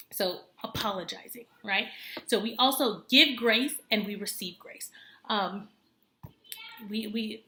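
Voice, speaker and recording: A woman in her thirties, a homemaker vlogger, speaks casually to the camera in a medium-pitched, sharp-toned voice. Her talk is earnest and chatty with plenty of fillers and self-corrections. The echoey recording has a slight hiss or hum.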